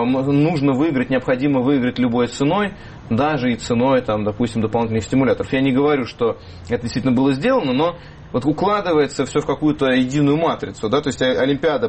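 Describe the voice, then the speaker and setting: Halting man as a studio guest. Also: medium pitch, a little mellow, slight background noise. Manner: halting, many hesitations and restarts. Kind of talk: talk show discussion.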